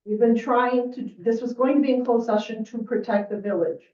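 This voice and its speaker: A woman staff member speaks with a slightly raised pitch, firm and earnest. She sits away from the mic in a roomy, echoing room. The sound is dull. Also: a little fast, a little mellow, distant mic. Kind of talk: public meeting statement. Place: village board meeting room.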